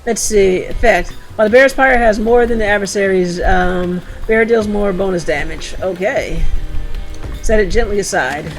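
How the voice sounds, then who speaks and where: A woman's voice: medium pitch, normal speed, soft background music. A woman live-streaming a game, reading its text aloud and chatting casually with her viewers. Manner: casual, talks to chat, many fillers.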